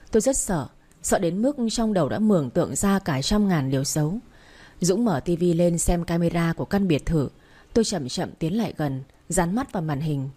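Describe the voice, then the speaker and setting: Woman narrating in a low, mellow voice. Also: slightly rough. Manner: emotional, earnest storytelling. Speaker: audiobook narrator. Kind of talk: first-person story narration.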